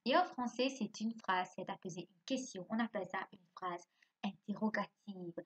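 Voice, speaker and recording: Husky-voiced woman teaching a class. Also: mid-range voice, moderate pace. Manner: asks questions and answers them herself, spells words letter by letter. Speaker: primary school teacher. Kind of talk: recorded remote class lesson. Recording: dull lo-fi recording.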